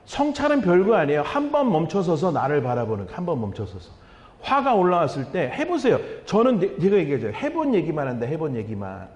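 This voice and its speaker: A man pastor preaching at a revival meeting, animated, asking the congregation questions and repeating key words. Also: on the high side. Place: church sanctuary. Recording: dull sound with long hall reverb.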